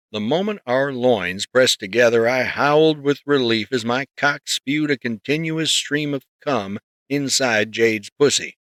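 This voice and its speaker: Bright-voiced male audiobook narrator. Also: mid-range voice, no echo. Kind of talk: first-person scripted narration.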